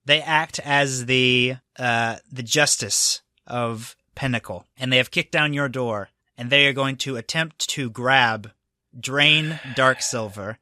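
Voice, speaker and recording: Bright-voiced laughing male game master. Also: medium pitch, slow. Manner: laughs often while narrating. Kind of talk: narrating a tabletop game.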